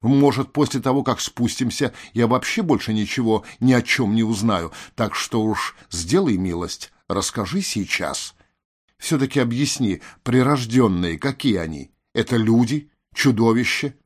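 A man's voice: medium pitch, animated, moderate pace, husky. An irritable man, curious and insistent, snapping back when pushed, played by a male narrator. He speaks up with some force. Storybook narration.

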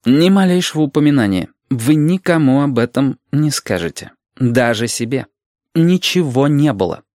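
A man reading an audiobook and voicing a young police inspector who speaks calmly, with a measured, dryly ironic edge. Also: mid-range voice, no echo, studio quality, pitched above the performer's own voice, natural voice. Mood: stern. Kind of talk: audiobook character voice.

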